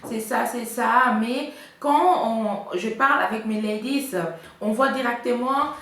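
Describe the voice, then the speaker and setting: A woman's voice: a little high, unhurried, a bit bright. A woman giving couple advice in a casual vlog, chatty and full of hesitations. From Congo. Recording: echoey room, faint noise.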